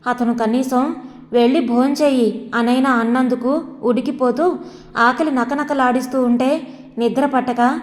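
A woman storyteller narrating an audiobook story in a steady, even way. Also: sits high, a little slow. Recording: long reverb.

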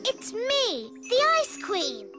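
A little girl relishing the part of an icy cartoon supervillain. The voice is very high and swings with theatrical menace, gloating slowly over music. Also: huge pitch swings, heavily acted. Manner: slow theatrical villain menace. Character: young girl playing gloating theatrical Ice Queen supervillain. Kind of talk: children's cartoon acting.

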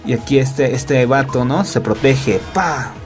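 A man's voice: mid-range voice, steady tone, a little slow, over music. Chatty Mexican man narrating gameplay. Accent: Mexican Spanish. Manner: joking, chatty, full of fillers and tag questions. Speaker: gameplay commentator. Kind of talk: casual gameplay commentary. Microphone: laptop recording.

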